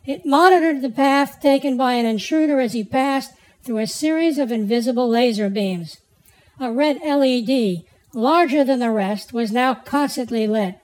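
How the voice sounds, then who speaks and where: A woman narrates a thriller audiobook with a slightly raised pitch. Her reading is measured and even, paced for storytelling. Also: low-quality recording.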